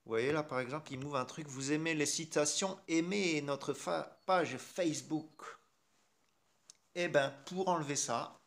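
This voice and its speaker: A man's voice: on the high side, unhurried, fairly bright tone. A man with a French accent hosting a casual phone tutorial, chatty and irreverent, with mild swearing. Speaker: tech tutorial host. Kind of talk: casual screen-recorded tutorial.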